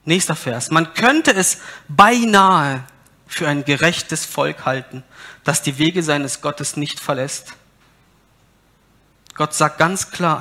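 A man's voice: a little high, sharp tone. A man preaching a sermon, asking his listeners rhetorical questions and reading scripture aloud with emphasis.

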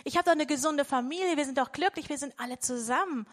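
A woman's voice: sits high, fast talker. A woman preaching a devotional sermon in a conversational way, often checking in with her listeners.

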